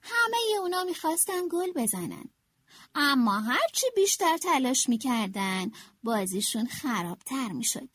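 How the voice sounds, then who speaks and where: High, lively woman reading a storybook. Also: husky, no room sound. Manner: expressive, animated read-aloud. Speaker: narrator.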